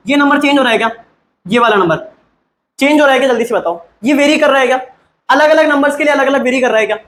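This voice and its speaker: A man teaching maths, who keeps firing quick questions at his students and mixes English maths terms into Hindi. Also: extremely high pitch, fairly bright tone, echoey room, slight background noise. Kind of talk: classroom-style maths lesson.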